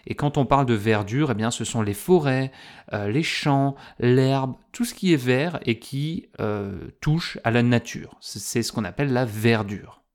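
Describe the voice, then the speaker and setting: A man teaching French vocabulary to learners, slowly and patiently explaining words with lots of repetition and speaking informally to the listener. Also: medium pitch. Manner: addresses listener informally, fillers.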